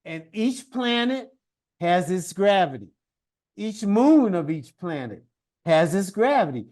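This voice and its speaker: A man's voice: high-pitched, sing-song, takes it slowly, darkish tone. A man teaching a one-on-one science lesson, patient and encouraging, guiding his student with questions and praise.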